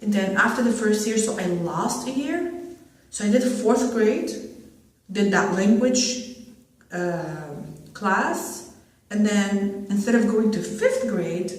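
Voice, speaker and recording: A man from Syria telling his life story in an oral history interview. He speaks earnestly, with frequent fillers and restarts. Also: sits high. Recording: echoey room, mic far off.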